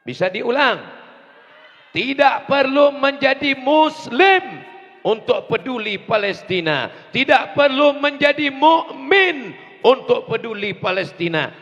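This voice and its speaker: A man preaching a fiery rally sermon, slow and emphatic, with call and response, rising to shouts. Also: very high-pitched, sing-song, dull audio. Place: large outdoor rally. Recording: distant echo over crowd loudspeakers.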